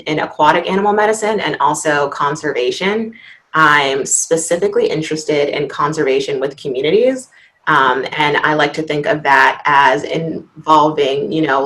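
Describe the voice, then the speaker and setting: A young woman in her twenties from Washington, D.C., a veterinary student, telling her story softly on a video-call panel, with frequent "um"s. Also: low-pitched, low-quality recording. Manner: soft-spoken, frequent "um".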